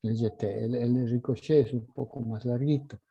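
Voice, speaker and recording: A man's voice: medium pitch, steady tone, moderate pace, gravelly, warm tone. A man teaching an orchestration workshop, singing out musical articulations in syllables as he explains them. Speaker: composition teacher. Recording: dull lo-fi recording.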